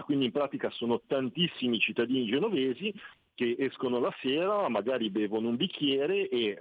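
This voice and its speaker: A man, a city councillor, calling in by phone to a radio show and explaining in a steady, official tone. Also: medium pitch. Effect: heard over the phone. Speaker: city councillor phoning in as a guest. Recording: tinny, dry phone line.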